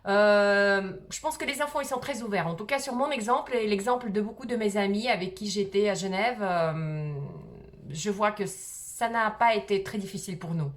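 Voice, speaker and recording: A woman's voice: medium pitch, moderate pace. A middle-aged woman from Russia with a slight Russian accent, telling a personal story to camera in a hesitant way with many fillers. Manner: hesitant, frequent "euh" fillers. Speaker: vlogger.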